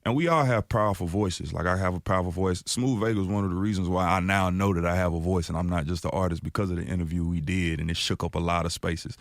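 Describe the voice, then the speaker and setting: With a low voice and fast delivery that barely pauses, a Dallas rapper from Oak Cliff, Texas, talks passionately on a radio show, freestyling and answering questions. He's animated and mimics others loudly, captured in a dry recording.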